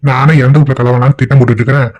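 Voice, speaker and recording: A man voicing a greedy middle-aged village thief, gruff and boastful. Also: mid-range voice, level tone, very fast, lightly acted. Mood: scheming. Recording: dull lo-fi audio.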